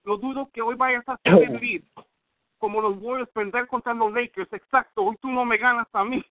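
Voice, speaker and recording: Guy from northern cali firing off trash-talk rap bars, super high voice, dry phone sound. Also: fairly even intonation, normal speed, dry recording. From Northern California. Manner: aggressive, boastful insult rhymes. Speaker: battle rapper. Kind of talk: rap battle verses over the phone. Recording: tinny dry phone line.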